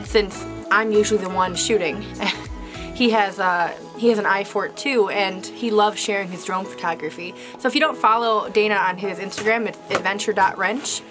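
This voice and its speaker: On a winter hike in the woods, a young woman vlogs casually to a handheld camera, chatting with lots of fillers. Her mid-range voice moves at a moderate pace over music.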